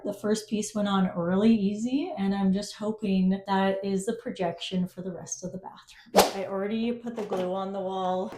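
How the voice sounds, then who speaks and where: A woman's voice: medium pitch, heavy background noise. A young woman vlogging her DIY bathroom renovation in a chatty, self-mocking and flustered way, recorded on a phone. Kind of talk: casual vlog narration while working. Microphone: phone camera. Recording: echoey bathroom with faint clicks.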